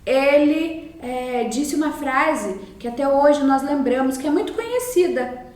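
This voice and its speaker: A woman with a Brazilian accent talks young pupils through a worksheet in a recorded lesson. Her voice sits high and she takes her time, repeating each point patiently. The sound is roomy, and her mic is set some way off. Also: animated, darkish tone, recorded from a distance. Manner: slow, patient explaining with many repetitions. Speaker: primary school teacher.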